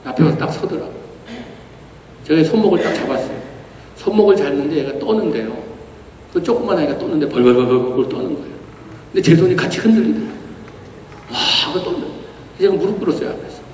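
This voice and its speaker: A male pastor preaching a sermon, telling a personal story in an animated way with bursts of laughter. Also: fairly high pitch, quick pace, long pauses. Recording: echoey hall, distant mic, faint ambience.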